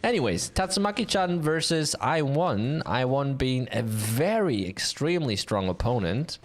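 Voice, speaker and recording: A man's voice: mid-range voice, normal speed. A man commentating an online game league match, explaining the action and chatting casually with his co-caster. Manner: curious, explanatory, animated. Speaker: esports commentator.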